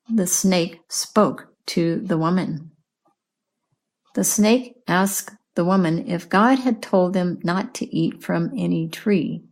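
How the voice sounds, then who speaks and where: A woman teaching English in a slow, clear lesson, patiently asking questions and repeating answers. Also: lowish voice, darkish tone. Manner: patient, repeats and explains words.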